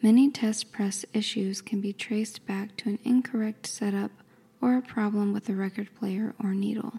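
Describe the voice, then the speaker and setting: A woman whispering softly and carefully, describing and reading aloud in an ASMR style. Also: medium pitch, steady tone, breathy edge. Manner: soft, slow, careful whisper. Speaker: ASMR creator.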